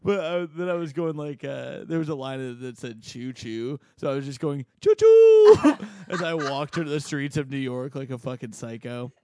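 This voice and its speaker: A man's voice: medium pitch, fairly quick, few pauses. Laughing, swearing young man chatting. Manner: laughs often, swears casually. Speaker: comedian and podcast co-host. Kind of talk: casual chat.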